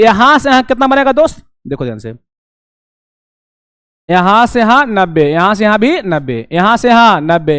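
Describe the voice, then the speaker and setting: A young man teaching an online class, animated and acting out his students' questions. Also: high-pitched, smooth, dry recording, studio quality.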